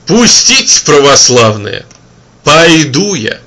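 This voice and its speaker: A man's voice: fairly high pitch, sing-song, takes it slowly, pushed and bright, heavily acted. A man voicing an old wandering holy man who speaks in a folksy, sermonising cadence.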